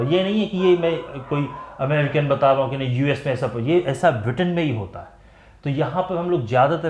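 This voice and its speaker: A young man teaching an exam-prep phonetics lesson. He explains slowly and repeats words and sounds so students can drill the pronunciation. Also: a little high, a little mellow. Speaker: English teacher. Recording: echoey room.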